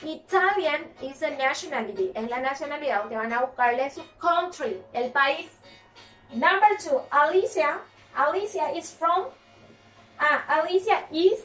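A Paraguayan woman with a high voice takes her class through a recorded English lesson, going slowly and repeating each word. She sits some way from the mic in an echoey room, with faint music behind her. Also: animated, a bit bright, far from the mic. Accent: Paraguayan Spanish. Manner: slow, explaining patiently, repeating words. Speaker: English teacher.

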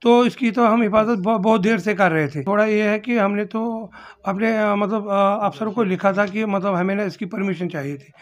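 Hesitant middle-aged official, high voice. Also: male voice, steady tone, normal speed. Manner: hesitant, full of fillers and restarts, defensive. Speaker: forest range officer. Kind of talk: interview answers. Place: indoor office. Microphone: handheld mic held in front.

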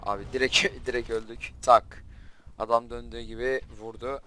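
A man's voice: medium pitch, flat delivery, slight background noise. Frustrated young man commentating his gameplay. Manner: frustrated, quick to flare up and shout at the game. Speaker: gaming channel host.

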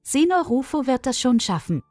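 Woman doing a fiery loyal girlfriend, blunt, encouraging, lively up-and-down voice, dry sound. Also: high-pitched, moderate pace, no echo, soft background music, pitched above the performer's own voice. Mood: protective. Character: loyal young woman friend, fiery and protective. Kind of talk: storybook reading.

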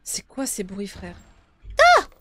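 Higher-voiced young woman streaming. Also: a little fast, heavy background noise. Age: young adult. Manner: informal, chatty, swearing. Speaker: game streamer. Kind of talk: casual live horror-game commentary. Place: small indoor streaming room. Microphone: close desktop streaming microphone.

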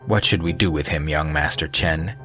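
A senior sect deacon speaks low and stern, quick to scold, as a male narrator voices him. Faint music plays under the storybook reading. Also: sharp tone. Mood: scornful. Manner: stern, scornful.

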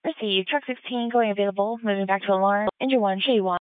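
Female emergency dispatcher, brisk clipped police-radio delivery, narrow scanner sound. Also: medium pitch, dry recording. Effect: two-way radio. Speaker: fire dispatcher. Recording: phone-like band-limited scanner radio audio.

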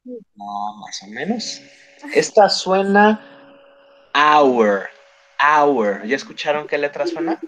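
A man's voice: a little high, very animated, a little slow, rough recording. A man teaching a beginner English class, patiently correcting pronunciation and encouraging his students.

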